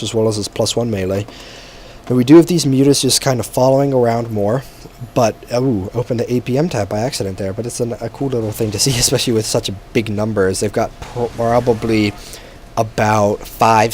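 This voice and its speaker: A man commentating a strategy video game match alone, chatty and relaxed with frequent fillers, a bit tired. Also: fairly low pitch, slight background noise.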